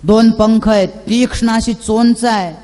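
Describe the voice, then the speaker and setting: A man's voice: high-pitched, steady tone, measured pace, dark tone. A man giving a devotional scripture discourse, chatty, acting out dialogue and chanting verses. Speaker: religious storyteller. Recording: reverberant hall.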